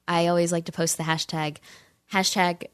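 In clean studio sound with no echo, a twenties-aged woman commentator responds to audience questions, earnestly arguing her opinion directly to the camera. Her lowish voice is clear and resonant, level in tone, at a moderate pace.

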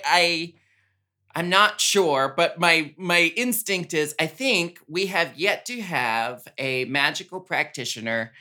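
A woman's voice: sits low, pushed and bright. A woman hosting a podcast interview from a rented home, chatting casually, laughing often and stumbling into restarts. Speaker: podcast host. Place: rented home near busy street.

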